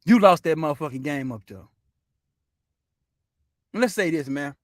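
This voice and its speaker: Male sports show host, high-ish voice, dry close sound, profane ranting delivery. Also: lively intonation, normal speed, no echo. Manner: loose, profane, says "man" constantly. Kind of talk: casual sports rant.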